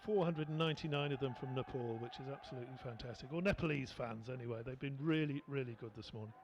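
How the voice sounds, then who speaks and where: A man's voice: medium pitch, fast talker, highs cut off, noisy background. A man doing live cricket commentary, chatty and rambling with lots of fillers, from a commentary position at the ground.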